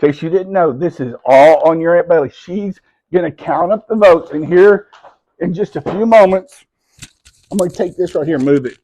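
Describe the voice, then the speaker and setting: A middle-aged man hosting a casual live video at home, playful and teasing with a child, often dropping to a soft hushed voice. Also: fairly high pitch, normal speed.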